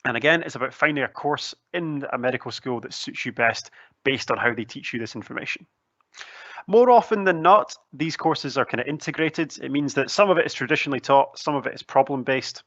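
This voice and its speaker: Young scottish guy, thick broad accent, chatty presenter, bright clear-cut sound with no room echo. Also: medium pitch, a little fast, lo-fi sound. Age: young adult. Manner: chatty, articulate, lightly humorous. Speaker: student recruitment officer giving a presentation. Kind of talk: conversational pre-recorded presentation. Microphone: headset, seen on webcam.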